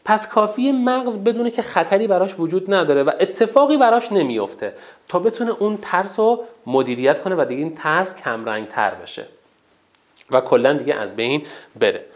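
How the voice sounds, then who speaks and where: Course teacher, casual lecture, swooping lively intonation, rhetorical questions, repeats key points. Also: mid-range voice. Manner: animated, asks rhetorical questions to the listeners; repeats and rephrases points for emphasis. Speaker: teacher of a public speaking course. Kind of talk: colloquial lecture.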